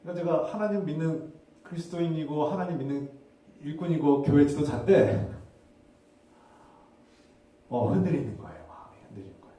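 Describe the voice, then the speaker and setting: A man preaches in a mellow voice, pressing his listeners with rhetorical questions. The sound booms around a big, reverberant church hall and the mic sits well away from him. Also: moderate pace, long pauses. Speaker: pastor. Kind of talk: sermon. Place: church sanctuary. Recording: very echoey hall, heard from a distance.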